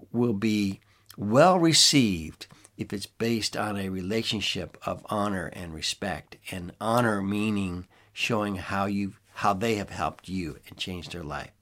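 Older preacher guy, kinda low voice, talking earnestly and measured, like an informal lesson. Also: fairly bright tone. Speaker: preacher and ministry leader. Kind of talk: informal teaching talk.

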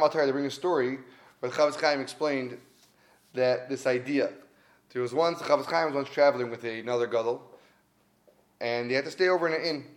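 A man giving an earnest weekly Torah talk, telling stories in a conversational way and stressing his points by repeating them. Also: mid-range voice. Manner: earnest, conversational, with emphatic repetition. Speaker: Torah teacher.

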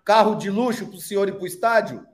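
A man's voice: high voice, a little fast. A man co-hosting a casual panel show, taunting and accusing a guest. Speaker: co-host.

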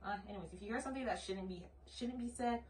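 In casual podcast chat, this late-twenties Canadian co-host talks fast in a mid-range, darkish voice, bluntly and emphatically, dropping "like" often. There's a little hiss or hum, and the distant mic picks up a roomy sound.

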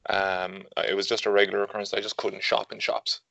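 Podcast guest: man, twenties, west of Ireland accent, lowish flat voice, hesitant informal chat, dry muffled recording. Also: fast, creaky, no room sound. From Galway, Ireland. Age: 20s. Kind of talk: casual interview chat.

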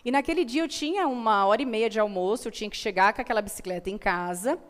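A woman's voice: on the high side, fast. A Brazilian woman speaking as a motivational guest, telling personal stories in an earnest, emphatic way and repeating phrases for effect. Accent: Brazilian Portuguese. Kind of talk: motivational storytelling conversation.

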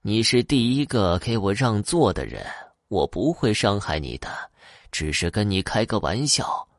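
A menacing old ghost woman, voiced by a male storyteller, who swings from shrill shouted threats to slow, low, wheedling murmurs. The delivery moves widely in pitch and stays close and dry. It suits a spooky storybook reading. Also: very animated, dry recording. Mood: gentle. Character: old woman ghost on a night bus, fierce then kindly.

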